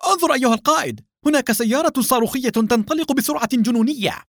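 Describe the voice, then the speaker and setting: A man voicing an excitable male psychiatrist sidekick who speaks resolutely and breaks into eager shouts. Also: mid-range voice, very fast, breathy edge, no room sound, clean studio sound.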